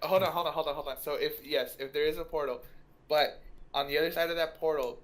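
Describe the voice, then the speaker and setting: Man, slightly high voice, hurried player on a voice call whose audio keeps cutting in and out. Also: steady tone, fairly bright tone. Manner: hurried, keeps repeating himself. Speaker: tabletop game player. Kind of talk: casual game chat.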